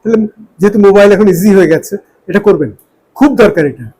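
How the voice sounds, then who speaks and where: A man's voice: high voice, expressive, quick pace, dark tone, slight background noise, poor audio. A middle-aged man from Bangladesh, giving a classroom lecture on pronunciation and news reading, explaining patiently and drawing out vowels as he demonstrates drills. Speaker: voice and news presentation instructor.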